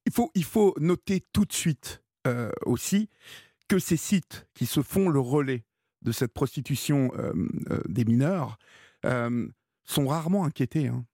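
A man hosting a radio call-in show who talks haltingly, with many fillers and repeated words. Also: mid-range voice, expressive, dark tone, husky, no room sound, studio quality. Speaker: radio host.

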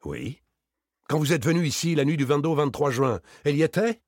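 A man voicing a furious, desperate male thief in an audiobook, stammering and shrill with rage. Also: animated, fairly quick, dry recording, studio quality. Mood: pressing. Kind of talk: audiobook character reading.

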